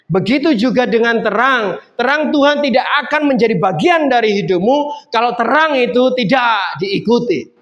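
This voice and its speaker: A man's voice: extremely high pitch, fairly bright tone. A man preaching a sermon in a casual, conversational way, building up to emphatic points. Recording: dull lo-fi sound.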